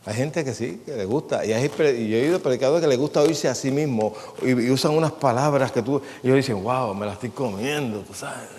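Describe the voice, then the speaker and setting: A man's voice: medium pitch, brisk, few pauses, darkish tone, slight background noise. A man, a pastor giving a plain-spoken, conversational sermon and asking his congregation questions. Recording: long hall reverb.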